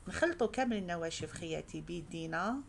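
An Algerian woman with a low voice walks viewers through a traditional recipe in a friendly, chatty way, calling them sisters. A faint hum of room noise sits under her voice. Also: animated, fast talker, vocal fry. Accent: Algerian Arabic. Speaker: cooking channel host. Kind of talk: cooking tutorial.

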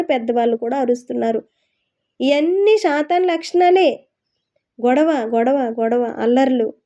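A woman preacher with a high, soft-edged voice delivers an earnest sermon. She coaxes her listeners and keeps asking them rhetorical questions. The recording sounds slightly muffled and lo-fi.

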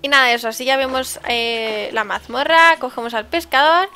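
Bright, excitable Spanish woman gamer. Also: high voice, normal speed, faint music behind. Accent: Spain Spanish. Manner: chatty and excitable, with sudden exclamations. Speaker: let's-play host. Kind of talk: casual gameplay commentary.

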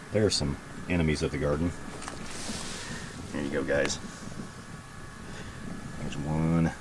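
A man in his thirties casually walking through his backyard garden, talking in a relaxed, rambling way with lots of fillers, filmed on a handheld camera outdoors. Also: extremely low pitch. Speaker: homesteading vlogger. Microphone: camera held at arm's length. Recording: outdoor background noise.

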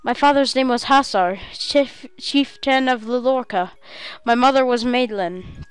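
A woman's voice: a little high, a little slow, clean tone, no room sound, faint music behind, close to an everyday voice. Woman reading as an earnest young plainswoman. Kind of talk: reading game dialogue aloud.

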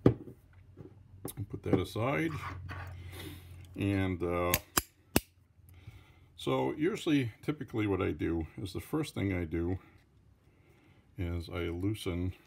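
A man's voice: low-pitched, slow pace, gravelly, pauses often, darkish tone, slight background noise. A Franco-American man with a French-Canadian accent, giving a casual hands-on tutorial with rambling, defensive asides. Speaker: hobbyist revolver tinkerer.

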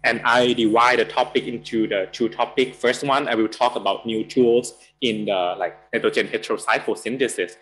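A man in his thirties from Thailand, with a Thai accent, giving a university guest lecture over a video call, halting and full of fillers. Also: medium pitch, fairly even intonation, a bit bright, poor audio. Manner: halting, many fillers and restarts. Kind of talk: academic lecture.

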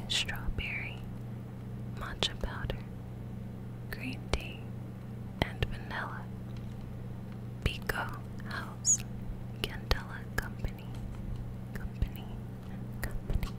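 A woman chatting in a soft, breathy ASMR whisper, lingering on words and softly repeating some. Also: drawn-out words, pauses often. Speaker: ASMR host.

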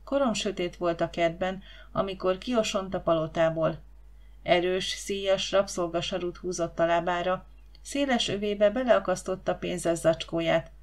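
A woman reading an audiobook in calm, even storytelling narration. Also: lowish voice. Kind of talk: scripted narration.

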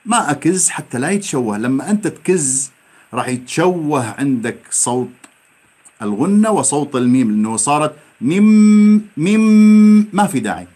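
A man's voice: on the high side, sing-song, warm tone. A man from Iraq, teaching a tajweed lesson and stretching out each example he recites. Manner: drawn-out demonstrative recitation of examples between explanations.

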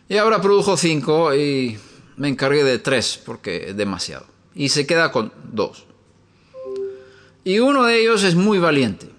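A high-pitched man with a bright, sharp tone gives a sermon-style teaching. He asks his listeners one rhetorical question after another and slips into homely stories from his own house. He speaks from an upstairs room at home. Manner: asks many rhetorical questions, then tells a homely story. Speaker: preacher.

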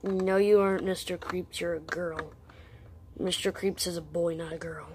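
A woman in playful game role-play, switching between whispers and shouts, with faint background noise. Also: fairly low pitch, steady tone, normal speed.

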